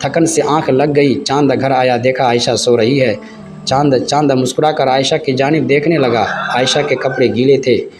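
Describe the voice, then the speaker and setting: Guy reading a family story, steady and plain, faint music behind. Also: mid-range voice, moderate pace. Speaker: story narrator. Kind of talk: storytelling narration. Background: soft music.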